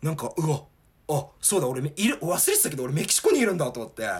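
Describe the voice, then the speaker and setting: A man telling a rambling, animated story in casual chat, full of fillers. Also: fairly high pitch, fast talker, husky.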